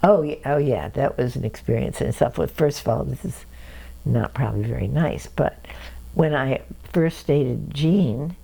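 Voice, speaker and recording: In an oral history interview, an older woman from Cleveland, Ohio, USA, tells lively family anecdotes and chuckles often. Her very deep voice moves at normal speed and sounds creaky and slightly rough, and the recording itself is rough.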